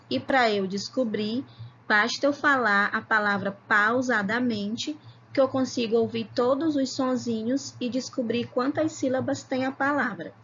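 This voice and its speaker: A woman from Ceará teaching a children's video lesson, calling herself "tia" and sounding out words slowly, syllable by syllable. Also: fairly high pitch, fairly bright tone, muffled recording, slight background noise. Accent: Brazilian Portuguese, Ceará. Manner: slow, syllable-by-syllable reading, calls herself "tia". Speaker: primary school teacher.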